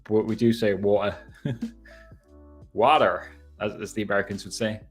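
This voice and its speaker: A man in his thirties from northeast England, with the accent to match, hosts a casual live Q&A stream over headphones. His voice sits fairly low and runs a little slow with a breathy edge, and he rambles, laughing often and correcting himself, while soft music plays in the background.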